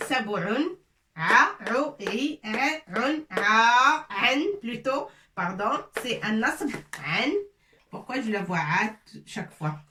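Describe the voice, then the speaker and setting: A woman's voice: on the high side, fairly bright tone, a little hiss or hum. Echoey woman teaching Arabic letters. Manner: patient, repeats sounds, mixes French and Arabic. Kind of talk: classroom lesson. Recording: echoey room, from a distance.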